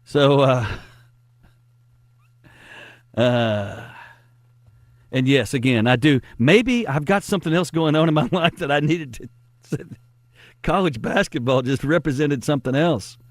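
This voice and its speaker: A man's voice: mid-range voice, slow pace, long pauses, no room sound. Nostalgic rambling man in his forties. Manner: nostalgic, rambling, laughs at himself. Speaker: sports talk host. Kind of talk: casual sports talk monologue.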